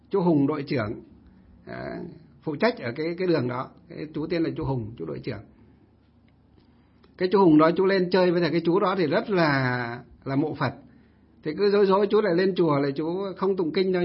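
A man with a husky, breathy voice pitched a touch high tells a temple story in a relaxed, conversational way. He is a Buddhist monk, and he slips into the voices of the people he quotes. The recording sounds dull and lo-fi. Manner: lively anecdotal storytelling, quoting others. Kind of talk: casual storytelling talk.

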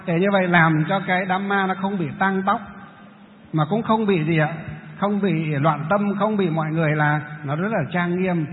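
A man's voice: sits high, normal speed, slight background noise. A male Buddhist monk giving a dharma talk, patiently explaining and answering audience questions. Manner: explains patiently, breaks into chanting demonstrations. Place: large lecture hall. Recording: tinny, echoey hall recording.

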